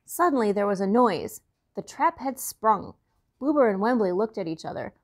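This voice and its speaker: A woman reading a children's storybook aloud to young listeners, chatty and expressive. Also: mid-range voice, normal speed.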